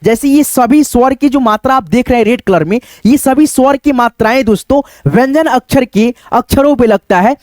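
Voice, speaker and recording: A man's voice: very high voice, normal speed, few pauses, a little mellow, no echo. A man teaching beginners at a board, patiently repeating and counting aloud.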